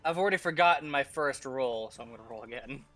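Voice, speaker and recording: A man's voice: mid-range voice, quick pace, pushed and bright, faint music behind. A man playing his character in a tabletop game, chatty and cheerful, a little scattered. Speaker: player.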